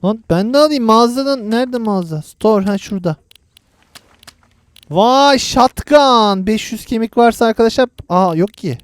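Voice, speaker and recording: A man with a voice that sits high hosts a gaming channel, giving his viewers chatty, excitable play-by-play commentary and teasing the friend playing alongside him. He talks at a moderate pace, and there is no echo.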